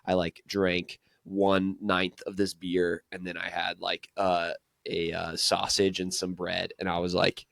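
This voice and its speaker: Man, podcast host, very low monotone voice, dry close sound, relaxed storytelling. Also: a little slow, vocal fry, hardly any pauses, no room sound. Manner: relaxed, chatty, laughs often. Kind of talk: casual travel storytelling.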